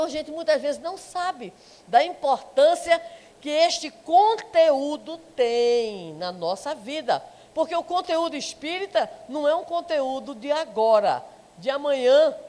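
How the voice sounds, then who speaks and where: High-voiced woman giving a lecture. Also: darkish tone, long reverb tail. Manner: engages the audience with rhetorical questions. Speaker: Spiritist lecturer. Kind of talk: public lecture with storytelling.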